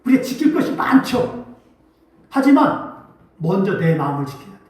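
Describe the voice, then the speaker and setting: Man, pastor, sermon, high animated voice, emphatic, very echoey sanctuary, distant mic. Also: moderate pace. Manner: emphatic preaching with questions to the congregation. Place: church sanctuary.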